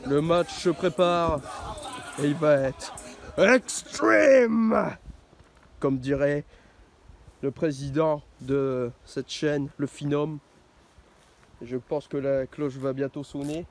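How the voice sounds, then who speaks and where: A man calling a wrestling match play-by-play, excitable and bursting into shouted exclamations. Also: fairly high pitch, slow, pauses often, faint music behind. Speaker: wrestling commentator.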